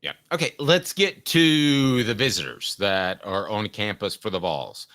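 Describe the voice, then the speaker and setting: A man hosting a sports talk show, chatting casually and thinking aloud in a measured way. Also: fairly low pitch, lively intonation, fairly bright tone, no echo, clean studio sound.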